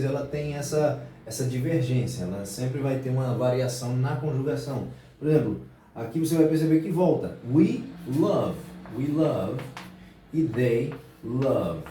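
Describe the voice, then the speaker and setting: A man teaching an English grammar lesson, slow and patient, repeating each example. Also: mid-range voice, warm tone, slight background noise. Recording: very echoey room, distant mic.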